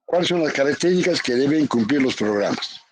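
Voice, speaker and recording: A man from Peru gives a university economics lecture over a video call at an ordinary pitch. He goes over each definition twice and checks in with his students again and again. A faint hiss sits under the audio. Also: lively intonation, a little fast. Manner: calls on students by name, repeats definitions with tag questions. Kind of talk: lecturing in a virtual class. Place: home, online class. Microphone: computer mic on a video call.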